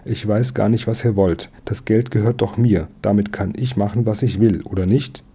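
A man's voice: lowish voice, steady tone, moderate pace, dark tone, slightly rough. A man reading aloud, voicing an eager, stubborn young boy in a storybook. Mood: insistent. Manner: eager and insistent.

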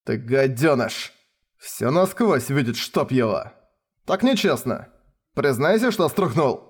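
A man's voice: medium pitch, sing-song, slow pace, slightly rough, full character voice. A man voicing a brash, hot-tempered male general who taunts and blusters in a raised voice. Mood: indignant.

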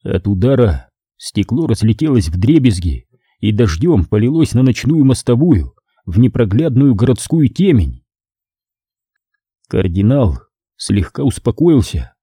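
A man narrating a first-person audiobook in a measured, dramatic storytelling manner. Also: mid-range voice, big pitch swings, mellow, slightly rough, no room sound, studio quality.

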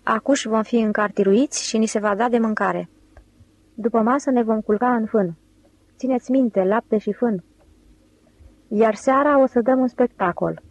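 A woman voicing a commanding, ironic male con-man leader who gives brisk orders in an audiobook. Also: on the high side, rough recording. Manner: bossy, brisk.

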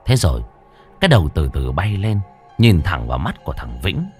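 A man's voice: low voice, huge pitch swings, normal speed, soft background music. A man narrating a ghost story with a dramatic, swooping delivery.

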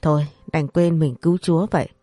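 Woman storyteller, dark low tone, dry close recording. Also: fairly even intonation, brisk, no echo. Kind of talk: scripted audio story narration.

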